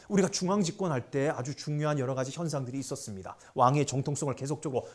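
A man giving a history lecture, asking his students rhetorical questions and mixing polite and casual speech. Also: fairly high pitch. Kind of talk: lively classroom lecture.

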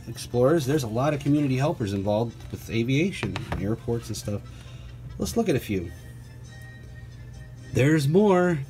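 A man reads a children's picture book aloud in the role of a teacher, stopping now and then for chatty asides and questions aimed at his young audience. His mid-range voice has a slightly mellow quality.

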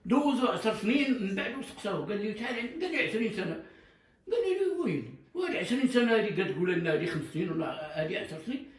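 A man's voice: high-pitched, racing, distant mic. A man with a Moroccan Arabic accent, joking and telling anecdotes in a casual chat. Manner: joking storyteller, lively. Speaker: guest. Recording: roomy, from the mic.

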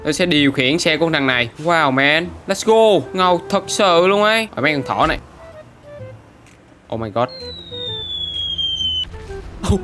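A man commentates on his gameplay in an excitable, jokey way, often breaking into English outbursts. His voice sits slightly high for a man. Light music plays faintly behind him. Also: normal speed. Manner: excitable, bursts of English exclamations. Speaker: gaming YouTuber.

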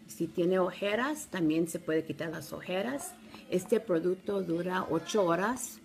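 A middle-aged woman with gives a casual, halting step-by-step product demo, recorded on a phone at arm's length at home. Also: lowish voice, gravelly, a little mellow, a little hiss or hum. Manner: halting, simple step-by-step instruction. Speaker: product demonstrator. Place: small room at home, indoors.

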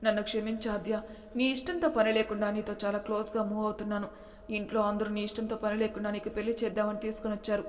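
A woman's voice: mid-range voice, little pitch movement, quick pace, natural voice. A woman voicing a possessive, teasing young husband who is tender underneath, in a storybook reading. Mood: tender, remorseful. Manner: teasing, commanding. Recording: long hall reverb.

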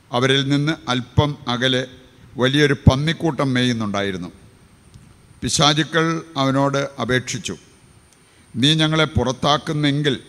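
A man, a priest, reading the gospel at Mass in a slow, deliberate way. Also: mid-range voice, a bit bright. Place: church. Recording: reverberant church hall.

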